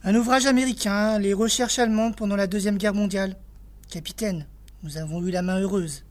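A woman's voice: medium pitch, fairly even intonation, brisk, darkish tone, natural voice. An alert young male reporter-detective from a comic-book story, eager and inquisitive, voiced by a woman reading aloud. His voice sits in a middle range. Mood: curious, eager.

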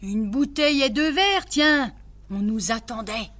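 A woman's voice: fairly high pitch, lively intonation, measured pace, fairly bright tone. A woman voicing a hot-tempered male sea captain who exclaims and blusters, in a storybook reading. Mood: excited.

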